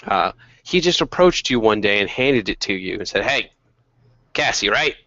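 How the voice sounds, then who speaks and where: A young man narrating as game master, relaxed and filled with ums. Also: lowish voice, moderate pace, no room sound. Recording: dull dry lo-fi recording.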